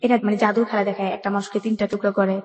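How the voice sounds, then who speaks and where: Racing through her words, a Bangladeshi woman with a mid-range, darkish voice and little pitch movement tells her life story as an interview guest. Her speech is colloquial, frequently voicing dialogue she remembers. The recording has the long reverb of an echoey room.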